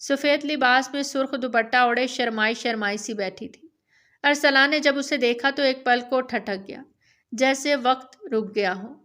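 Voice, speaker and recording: A woman reads a romance novel aloud, her voice sitting noticeably high. She keeps a steady, even storytelling pace from line to line. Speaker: narrator.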